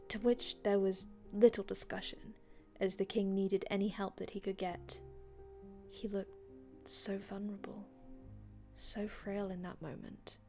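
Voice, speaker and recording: Lightly acted by a woman, a wistful, melancholy and otherworldly vampire from an older time tells old tales in an ASMR roleplay. She speaks in a hushed, breathy way with little pitch swing, long dramatic pauses and formal antique wording, over soft music.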